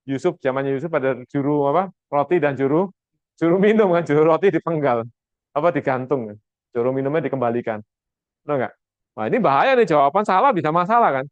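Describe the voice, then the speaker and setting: Lively man teaching a Bible class. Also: on the high side, no echo. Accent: Indonesian. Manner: lively, quizzes students, acts out quotes. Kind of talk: teaching a Bible class over a video call. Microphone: video call. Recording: dull lo-fi video call audio.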